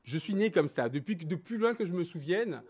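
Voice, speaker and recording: A man born in Belgium and raised in Congo, speaking as a guest in a frank sit-down interview. His voice sits somewhat high and he talks with emphasis and animation. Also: fairly quick, husky. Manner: animated, emphatic, switching between French and Lingala. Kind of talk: candid personal interview.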